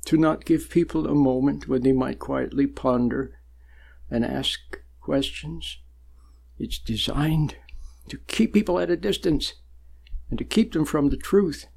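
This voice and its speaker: A man giving a sermon-like spiritual talk, slow and deliberate, with long pauses and sudden emphatic rises. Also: fairly high pitch, vocal fry, a little mellow, husky. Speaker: spiritual teacher.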